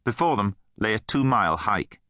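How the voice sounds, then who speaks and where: A man narrating a children's fantasy audiobook in an expressive, animated storytelling manner. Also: fairly low pitch, moderate pace, no room sound, studio quality.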